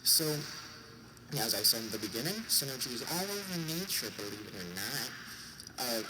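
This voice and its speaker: Male vlogger, congested nose, mid-pitched, informal jokey explainer, very noisy recording. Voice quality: congested, stuffy-nosed. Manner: jokey, irreverent asides. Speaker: vlogger summarizing a book. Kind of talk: informal explainer talk to an audience. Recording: clearly noisy background.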